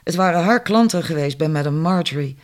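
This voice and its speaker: A man narrating an audiobook with calm, even storytelling. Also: fairly high pitch, brisk, clean tone. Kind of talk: scripted narration.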